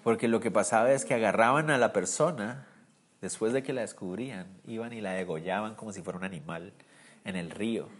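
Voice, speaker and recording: A man preaching a sermon in a lively way, often asking the listeners questions and swinging from loud bursts to quiet, low lines. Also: fairly quick. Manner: animated, swings from loud to soft; asks the listeners rhetorical questions.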